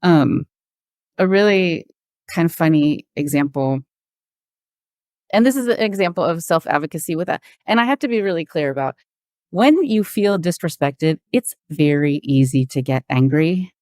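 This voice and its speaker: A woman guest on an interview podcast, telling stories in a lively way, acting out the people she quotes and often saying "like" and "you know.". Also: deep voice, moderate pace, dry recording, clean studio sound. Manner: animated, acts out quoted voices, frequent fillers. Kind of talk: conversational interview storytelling.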